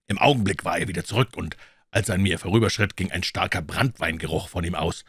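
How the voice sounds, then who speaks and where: A husky, low-voiced man reads a classic story aloud as an audiobook. His delivery is measured and forceful. The sound is dry and close, with no room around it. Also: no room sound. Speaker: audiobook reader.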